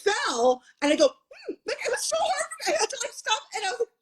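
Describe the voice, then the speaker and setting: Female podcast host, high register, swooping lively intonation, informal storytelling chat. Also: fast talker. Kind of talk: casual chat with anecdotes.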